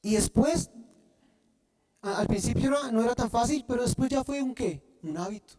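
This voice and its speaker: A man preaching a sermon, often pausing to have the congregation fill in the word, and restarting phrases as he goes. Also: very high voice, lively intonation, mellow. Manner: asks the congregation to fill in words. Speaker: pastor.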